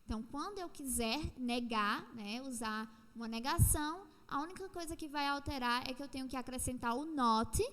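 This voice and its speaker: A high-voiced woman with a Brazilian Portuguese accent teaches a recorded lesson. She explains patiently, repeats herself and drags out the example sentences. Her voice rings with a long reverb, as if in a bare room. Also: normal speed, few pauses, fairly bright tone.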